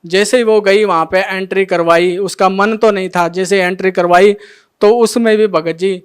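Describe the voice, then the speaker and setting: Speaking steadily at a normal pace, this middle-aged devotee delivers an emotional testimony in a high, clean voice. He brings each scene to life by performing all of its dialogue himself.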